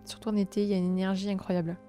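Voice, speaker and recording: A young woman with a southern French accent chats softly on a live stream, her voice mellow and warm as she talks to viewers in a loose, hesitant flow. Faint music plays behind her. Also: medium pitch, flat delivery, racing. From south-east France. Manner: gentle, chatty, many fillers and restarts. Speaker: livestream host. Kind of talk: casual live-stream chat, reading chat.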